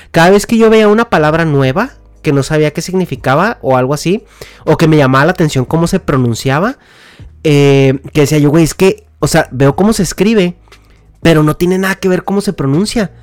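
A man's voice: a little high, dry recording, clean studio sound. A man with a Mexican Spanish accent, hosting a podcast and explaining things casually with slang, fillers and restarts. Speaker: podcast host.

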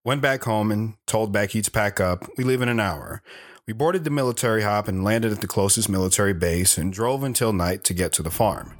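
A man's voice: on the low side, a little fast, close to an everyday voice. A man playing a clipped young soldier. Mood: steady. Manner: clipped, dutiful military politeness. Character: Travis, young soldier, husband and father. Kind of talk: first-person story narration and dialogue.

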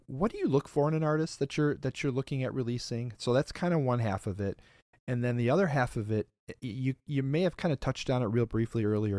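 A man's voice: medium pitch, darkish tone, no echo, clean studio sound. A man hosting a podcast, asking long, loose questions and laughing easily. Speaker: podcast host. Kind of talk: casual interview.

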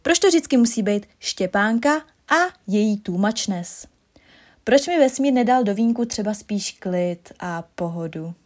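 A young woman with a fairly high voice performs a spoken-word piece addressed to herself. Her delivery is expressive, dropping to hushed lines and then rising to emphatic ones.

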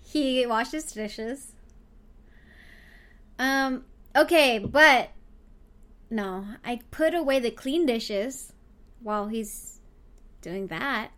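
A woman co-hosting a casual streamed chat show, leaning hard into a playful Valley Girl voice. Her voice sits a little high, and she rambles and giggles through her stories. The talk is loose and unscripted. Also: very slow, pauses often, a bit bright. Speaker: co-host of a live-streamed podcast.

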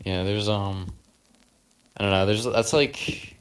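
A man's voice: lowish voice, fairly even intonation, slow pace. Rambling young man with cracking voice. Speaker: podcast co-host. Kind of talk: casual chat.

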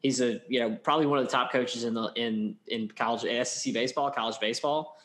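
A man's voice: mid-range voice, steady tone, fast, fairly bright tone. A man co-hosting a casual sports chat, rambling with many restarts and plenty of fan enthusiasm. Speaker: podcast co-host.

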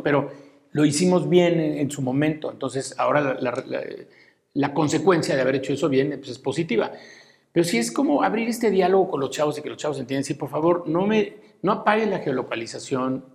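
Middle-aged Mexican man, gravelly, slightly high voice, frank fatherly talk. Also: lively intonation, brisk. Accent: Mexican Spanish. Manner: frank, fatherly, full of filler tags. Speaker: guest. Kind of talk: casual advice in conversation.

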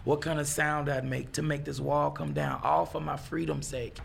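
A songwriter in his thirties talks as a guest in a casual interview, speaking reflectively and haltingly and often restarting his sentences. His voice is a little high and creaky with a flat delivery, and there's a little hiss or hum.

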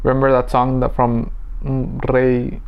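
A man co-hosting a podcast with his partner, talking in a rambling, halting, joking way. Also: mid-range voice, monotone, smooth, muffled recording. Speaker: podcast co-host. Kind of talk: casual couple chat.

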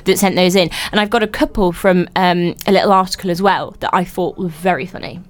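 A British woman hosting a casual radio chat, with a teasing, expressive way of talking. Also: fairly low pitch, fairly quick, slight background noise. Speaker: radio host and podcast presenter.

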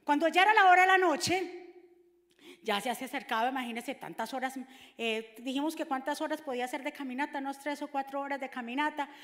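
High bright-voiced woman preaching in a hall. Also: a little fast. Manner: animated, swings from hushed asides to shouting scripture. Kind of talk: sermon.

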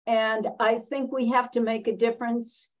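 A veteran feminist activist from the US, seventy or older, appears as an interview guest with a slightly high voice and a flat delivery. She speaks in a deliberate, reflective, emphatic way, pausing mid-sentence, and the audio is a bit dull.

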